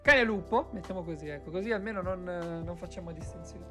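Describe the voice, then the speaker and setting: A woman's voice: on the low side, quick pace. Emphatic young woman chatting over music. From Carrara, Italy. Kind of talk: animated casual chat on a live stream. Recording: background music behind voice.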